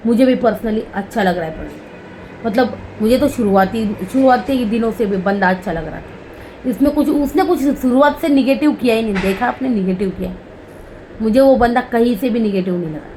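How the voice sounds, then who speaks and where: A woman giving a casual, chatty recap of a reality show episode, peppered with fillers and quick quotes of the contestants. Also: a little high, mellow, a little hiss or hum, rough recording. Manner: chatty, lots of "bhai" and "hmm" fillers.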